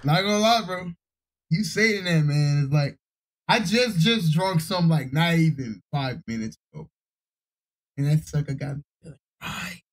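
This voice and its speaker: A man's voice: on the high side, lively intonation, unhurried, a little hiss or hum, low-quality recording. A young man live streaming a game, chatting casually in laid-back slang and calling everyone "bro".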